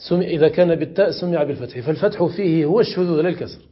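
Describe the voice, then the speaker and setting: A man teaching Arabic grammar in a classroom lesson, questioning his students and repeating examples slowly. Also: a little high, lively intonation, highs cut off. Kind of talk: classroom lesson explaining morphology.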